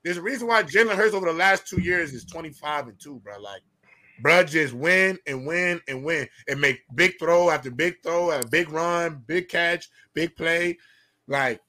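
Male sports show host, bright and higher-pitched, loud opinionated ribbing in casual slang. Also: moderate pace. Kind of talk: casual heated sports debate.

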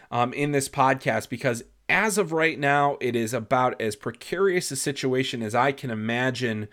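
A man hosting a solo sports podcast, a little stuffy from a recent cold, talking in a chatty, rambling way with fillers. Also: medium pitch. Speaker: podcast host.

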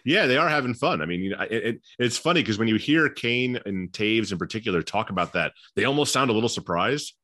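A man co-hosting a casual hockey podcast, telling stories quickly and animatedly and slipping into quoted voices. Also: lowish voice, lively intonation, sharp tone, no room sound, studio quality. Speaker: hockey beat reporter and podcast co-host. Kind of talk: casual sports chat.

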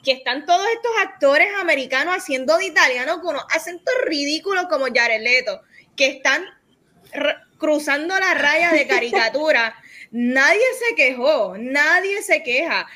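Animated bright-voiced woman podcast host. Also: high-pitched, normal speed. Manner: animated, mixes English words into Spanish. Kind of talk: casual podcast chat.

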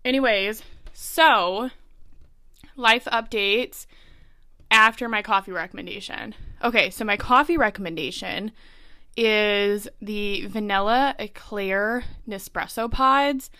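A young woman chatting as host of her own podcast, bubbly and excited, her breath still a little short. She talks at an unhurried, drawn-out pace in a mid-range voice. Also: medium pitch, clean tone. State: slightly out of breath. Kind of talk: casual chat.

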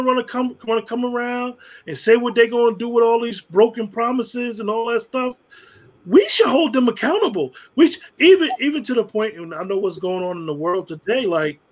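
A man's voice: high voice, a bit bright, dull audio. A man in casual conversation, speaking emphatically and repeating words as he builds his point. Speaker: podcast co-host.

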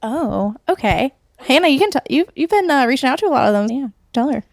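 Woman, eager podcast guest, gravelly voice, dry close sound. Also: high voice, animated, quick pace, no echo. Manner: enthusiastic, gushing. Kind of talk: casual podcast chat.

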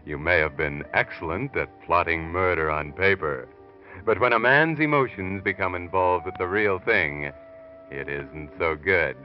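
A man's voice: deep voice, faint music behind. A man with an American accent playing a sardonic, all-knowing narrator who taunts a criminal, theatrically, in 1940s radio style. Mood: sardonic, gloating. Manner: mocking, deliberate, theatrical. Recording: dull vintage radio recording.

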